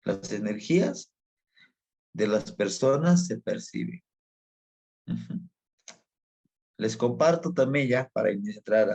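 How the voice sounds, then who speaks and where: A man from Mexico, giving an unhurried spoken lesson and talking straight to his listeners. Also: medium pitch, a little mellow, husky. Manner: unhurried, explanatory, addresses listeners directly. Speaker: teacher of Nahuatl tradition. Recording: dull lo-fi recording.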